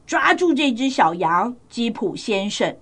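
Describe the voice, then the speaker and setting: A woman's voice: a little high, sing-song, unhurried, a bit bright, slightly rough, exaggerated voice. A woman voicing a bossy, hot-tempered male king in a children's storybook tale, with a commanding, blustering manner. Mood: demanding.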